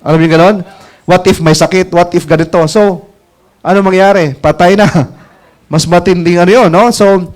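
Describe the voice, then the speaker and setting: A man's voice: high-pitched, fairly even intonation, moderate pace, darkish tone. A man telling a story to an audience in a chatty way, laughing often. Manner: chatty, laughs often, asks listeners "alam mo yung ganun?". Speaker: network marketing mentor telling a story. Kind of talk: casual storytelling talk to an audience.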